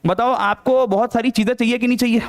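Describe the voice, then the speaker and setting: A male teacher with a Chhattisgarh Hindi accent leads a live economics class at a brisk clip. His voice sits high, and he keeps firing rhetorical questions that he answers himself. He repeats each key term and checks whether it is clear. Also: steady tone. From India. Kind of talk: live online class lecture.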